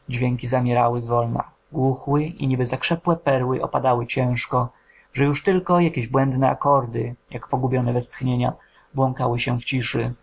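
A man reading a literary novel aloud as an audiobook narrator, in a slow, measured, somber way. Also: mid-range voice, vocal fry, slightly rough.

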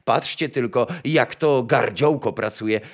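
A man's voice: medium pitch, measured pace. A man voicing a fussy, pompous court chamberlain in a storybook reading, raised and fawning.

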